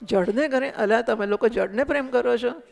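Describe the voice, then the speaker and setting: Gravelly-voiced woman teaching in a hall. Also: a little high, normal speed, a little mellow. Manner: questions the listeners, explains patiently with examples. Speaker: spiritual teacher. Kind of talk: Vedanta discourse. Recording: echoey hall recording.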